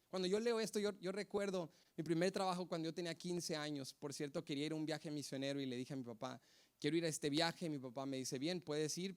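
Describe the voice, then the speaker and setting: A young adult man preaching a sermon as a pastor, telling personal stories and building to impassioned, near-shouted peaks. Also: high voice, smooth. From United States. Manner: storytelling, mimics people in anecdotes.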